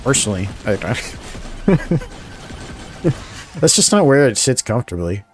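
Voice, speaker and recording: A man from the suburbs, chatting casually on a live stream, mumbling a little, talking fairly slowly and rambling with restarts. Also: mid-range voice, big pitch swings, soft background music. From Philadelphia suburbs, USA.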